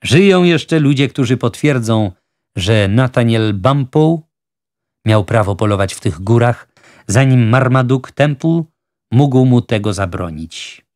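A man's voice: medium pitch, animated, a little slow, darkish tone, no echo, studio quality, close to an everyday voice. A man voicing a proud, stubborn old frontier hunter who grumbles with indignation. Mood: indignant.

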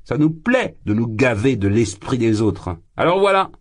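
A man's voice: expressive, unhurried, slightly rough, exaggerated voice. A man voicing a drunk, ranting young man. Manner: loud, impassioned, rambling, swings high. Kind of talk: audiobook character voice.

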